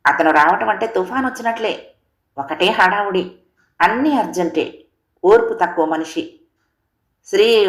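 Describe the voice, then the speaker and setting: A woman narrating a family story in a steady, expressive reading. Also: fairly low pitch. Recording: roomy echo.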